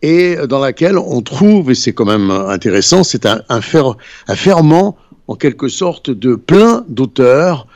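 A man's voice: mid-range voice, sing-song, measured pace, darkish tone, dry recording. Hesitant man with a dry close sound. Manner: hesitant, searching for words. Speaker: radio guest. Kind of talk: panel talk.

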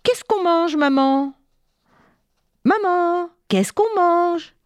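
A woman's voice: very slow, dry recording, full character voice. A woman voicing an eager, insistent young schoolboy in a children's story, calling out in a pleading, childish way. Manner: pleading, high childish calls.

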